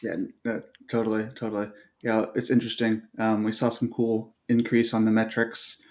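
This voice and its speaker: A man co-hosting a casual livestream chat, walking through a product in a relaxed way with many fillers. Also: on the low side, normal speed. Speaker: co-host.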